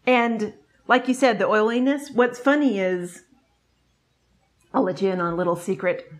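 A woman's voice: medium pitch, normal speed. Middle-aged woman, casual food reviewer. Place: small indoor room at a table. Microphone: lapel mic.

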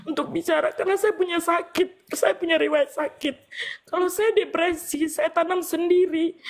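A young woman telling a doctor her painful story, tearful and pleading. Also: high voice. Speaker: patient. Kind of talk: emotional personal account.

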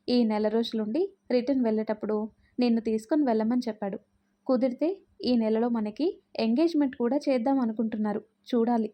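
Playful young man voiced by a woman, affectionate, joking, mellow. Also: on the high side, lightly acted. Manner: playful, lively.

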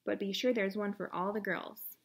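A woman's voice: medium pitch, steady tone, normal speed, close to an everyday voice. A woman voicing an eager, friendly young boy in a children's storybook, in a plain reading voice.

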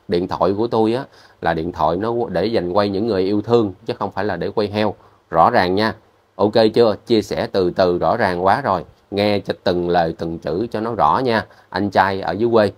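Low-voiced man ranting defensively in a vlog. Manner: defensive, repetitive, confrontational. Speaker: vlogger. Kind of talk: heated rebuttal vlog.

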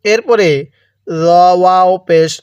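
A man's voice: sits high, takes it slowly, clear, resonant tone, no room sound. A man teaching Quran reading with a Bangladeshi Bengali accent, patiently drilling letter sounds syllable by syllable for listeners to repeat after him. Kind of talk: slow call-and-repeat recitation lesson.

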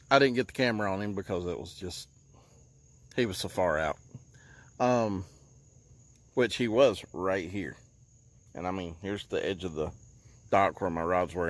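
A man, chatting casually while fishing from an outdoor lake dock, recorded on a handheld phone and often talking low and hushed. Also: no room sound. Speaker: fishing vlogger. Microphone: handheld phone camera.

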